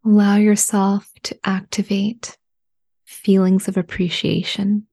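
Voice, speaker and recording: Woman doing guided meditation, soft spa whisper, really slow n mellow, breathy. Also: mid-range voice, flat delivery. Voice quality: breathy, hushed. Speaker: guided relaxation instructor.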